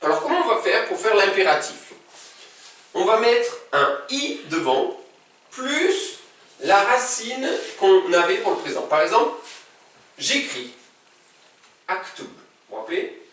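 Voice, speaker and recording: A man's voice: high-pitched, very animated, unhurried, pauses often, a bit bright. A man teaching a language class in a patient way, often checking that his students follow. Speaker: Arabic teacher. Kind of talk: classroom lesson. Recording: very echoey room, distant mic.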